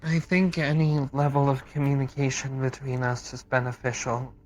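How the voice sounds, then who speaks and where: A woman's voice: a bass voice, level tone, normal speed, darkish tone, dull audio, soft background music. A woman speaking in character in a roleplay, thoughtful and diplomatic, reasoning things through aloud. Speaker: roleplay player.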